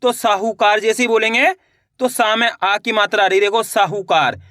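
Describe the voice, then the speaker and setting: High-voiced man teaching syllable by syllable. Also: steady tone, normal speed, sharp tone, no room sound, studio quality. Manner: repeats each word and quizzes the viewer; draws out sounds syllable by syllable. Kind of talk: spoken writing lesson for beginners.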